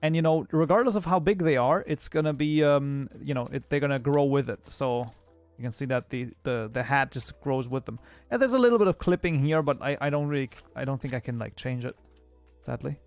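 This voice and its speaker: A man streaming his game modding live, chatting casually and reacting to chat in an excitable, rambling way. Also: medium pitch, fairly quick, dry recording, faint music behind.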